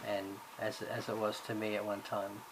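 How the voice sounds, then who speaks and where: His delivery is completely flat, his voice lowish, his pace moderate. Born in Ireland and brought up in Australia, he haltingly introduces a university subject in a recorded course introduction, with many fillers and restarts, over background noise.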